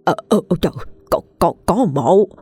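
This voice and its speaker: A woman's voice: low-pitched, lively intonation, normal speed, darkish tone, slightly rough. A woman doing a stammering, frightened old peasant man. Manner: stammering, trembling speech.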